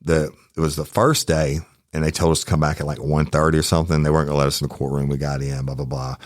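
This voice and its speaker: A man's voice: rumbling low, little pitch movement, fast talker, no room sound. A man hosting a true crime podcast, telling a story in a casual, profane and heated way.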